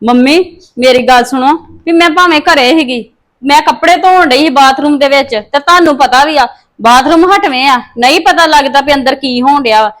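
Lady doing a chatty bhabhi, high voice, lots of hai rabba. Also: moderate pace, fairly bright tone. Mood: gossipy. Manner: gossipy, exclaiming. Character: sharp-tongued sister-in-law. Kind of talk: family drama acting.

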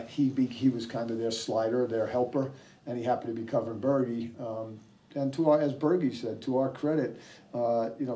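A man's voice: medium pitch, dark tone, far from the mic, slight background noise. An older man, a head coach, answering press questions after a game, rambling with many fillers and restarts. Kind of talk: postgame press conference answers. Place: press room with sponsor backdrop, seated at table. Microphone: table mic, heard from a distance.

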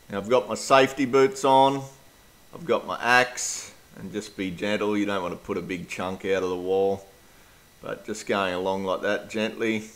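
A man's voice: lowish voice, a bit bright. Plain-spoken Australian man narrating renovation. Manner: matter-of-fact, practical, plain-spoken. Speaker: DIY renovator. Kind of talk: casual renovation vlog narration.

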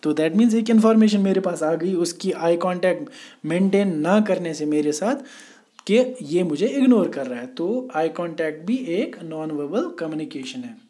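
Man, high and mellow, patient classroom lecturer who keeps checking that students follow. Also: animated. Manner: explains slowly, often asking "theek hai?". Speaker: teacher. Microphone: voice only, no camera.

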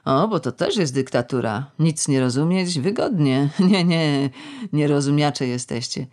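An audiobook reader voicing a bitter, tipsy middle-aged woman who rambles in a sardonic, ironic way, drawing out words slowly. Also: low-pitched, expressive, darkish tone. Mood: mocking. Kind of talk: audiobook character reading.

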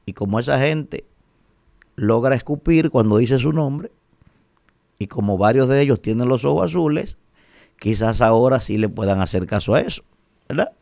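Emphatic Dominican man, gravelly commentator. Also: medium pitch, expressive, moderate pace, pauses often, warm tone, no room sound, studio quality. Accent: Dominican Spanish. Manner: emphatic, rhetorical, keeps asking "¿verdad?". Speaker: radio commentator. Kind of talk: opinion commentary. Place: radio studio, indoors. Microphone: studio mic on a boom arm.

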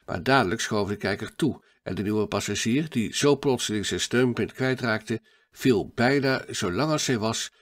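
A man narrating a classic adventure novel in a steady, measured audiobook reading. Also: lowish voice.

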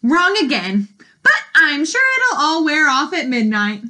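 A woman's voice: high voice, very animated, a little slow, sharp tone, exaggerated voice. A woman voicing a bungling female fairy who chants rhyming spells in a storybook reading. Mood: flustered. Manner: sing-song rhyming spellcasting.

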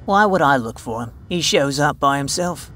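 An actor playing a mocking man from the hero's past who taunts him slowly. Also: fairly high pitch, lively intonation, bright, forceful tone, slight background noise. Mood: taunting. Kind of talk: dubbed drama acting.

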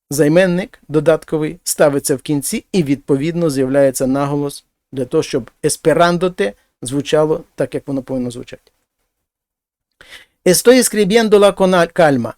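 A man teaching Spanish grammar, explaining patiently and saying the example phrases louder and higher. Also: dry recording, studio quality. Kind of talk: language lesson.

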